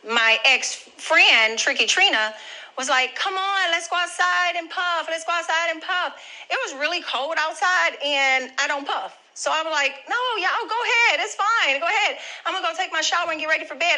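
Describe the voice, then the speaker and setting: A woman's voice: a little high, bright, forceful tone, rough recording. A grandmother telling viewers a personal story in a chatty, direct way. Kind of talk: casual storytelling to camera.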